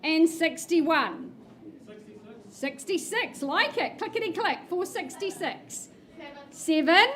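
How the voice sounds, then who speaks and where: A woman with a New Zealand accent calling bids at a live property auction in short bursts of numbers, with bingo-caller patter. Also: very high-pitched.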